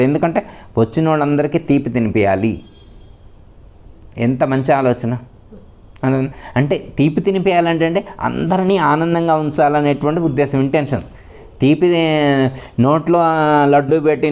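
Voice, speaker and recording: A spiritual teacher preaches at an ashram gathering. His pitch sits in an ordinary middle range. He explains patiently, repeats key phrases and keeps asking rhetorical questions. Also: a little mellow. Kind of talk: sermon.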